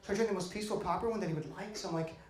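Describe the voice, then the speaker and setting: A man doing a stand-up comedy set, telling stories fast and acting out the people in them. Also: high voice. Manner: rapid storytelling, acting out other people. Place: comedy club stage with a live audience. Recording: echoey club, loud crowd and noise.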